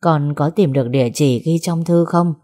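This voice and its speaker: A woman's voice: low-pitched, normal speed, warm tone, lightly acted. A woman voicing a stern elderly grandfather, a company chairman.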